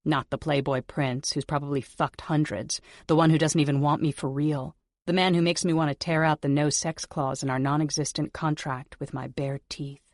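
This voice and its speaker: A woman reading a first-person audiobook in an intimate manner, sometimes dropping into soft whispers. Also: deep voice, fairly even intonation, normal speed, no echo, clean studio sound. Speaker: audiobook narrator. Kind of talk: scripted first-person narration.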